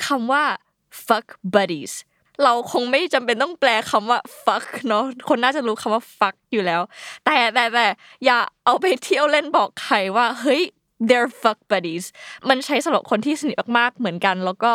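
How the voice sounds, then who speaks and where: A woman's voice: fairly high pitch, animated, moderate pace, fairly bright tone, no room sound, studio quality. A young woman hosting a casual explainer podcast, chatty and slangy, spelling words out letter by letter. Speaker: podcast host.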